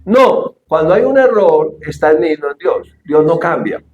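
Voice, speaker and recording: Animated pastor preaching in an echoey hall. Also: male voice, fairly high pitch, normal speed, lo-fi sound. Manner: animated, shouts quoted lines, asks the congregation questions. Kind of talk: sermon. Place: church hall.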